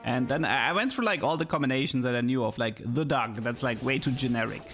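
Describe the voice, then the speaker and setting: A German man speaks English with a German accent while streaming a game, casually chatting, thinking aloud, and often repeating words over background music. His voice is medium-pitched and a bit bright, and he talks fast.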